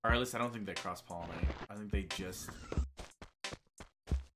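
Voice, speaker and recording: A man's voice: fairly low pitch, unhurried. A young man with a tongue piercing chats casually while streaming a game, rambling, self-deprecating and tripping over his words. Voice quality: talks around a tongue piercing. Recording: music playing behind the voice. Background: loud music.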